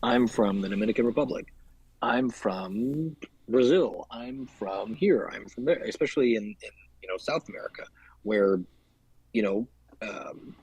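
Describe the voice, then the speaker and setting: A man's voice: medium pitch, lively intonation, measured pace, darkish tone, husky, no room sound, poor audio. A man co-hosting a casual podcast, talking politics in a thoughtful, filler-heavy way. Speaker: podcast co-host.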